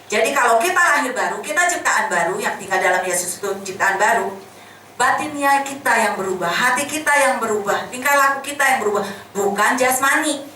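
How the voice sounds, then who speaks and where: A woman's voice: on the high side, bright, forceful tone, a little hiss or hum. A woman giving a conversational sermon, asking the congregation questions and acting out little scenes. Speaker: preacher. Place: church hall. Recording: echoey hall, voice from a distance.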